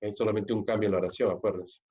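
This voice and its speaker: A man teaching an English grammar lesson, explaining step by step and often checking with "¿ok?" or "¿no?". He slows down and stresses the key words. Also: fairly low pitch, fairly even intonation, mellow, slightly rough. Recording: dull lo-fi recording.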